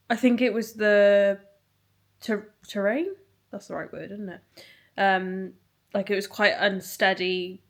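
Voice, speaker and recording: A woman's voice: medium pitch, fairly bright tone. British woman doing a chatty vlog, kinda tired, rambly, takes her time talking. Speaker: running vlogger. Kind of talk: casual chat to camera.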